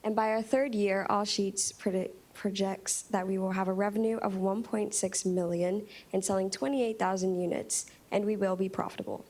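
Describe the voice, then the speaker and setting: Young woman, medium-pitched, rehearsed startup pitch. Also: little pitch movement, moderate pace, few pauses, darkish tone. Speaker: startup team member pitching. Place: meeting room, standing before seated judges.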